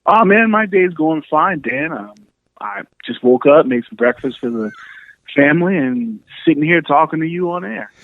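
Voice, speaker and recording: This podcast guest, a New York City man in his thirties, has a fairly high voice and talks at a normal speed. Over a tinny phone line with no room sound, he tells stories in a relaxed way and laughs frequently.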